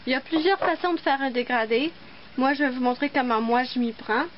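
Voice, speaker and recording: A woman's voice: high-pitched, a little fast, muffled recording, slight background noise. A woman hosting a casual nail art tutorial, chatting and explaining each step as she works. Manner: chatty, explains while working.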